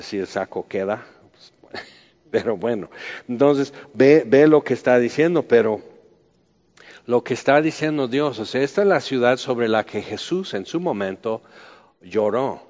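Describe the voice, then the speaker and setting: A man's voice: medium pitch, a little mellow. A man preaching, reading Bible passages aloud and commenting on them in a loose, conversational way. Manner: reads scripture then comments in a loose conversational way. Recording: dull roomy recording with long reverb.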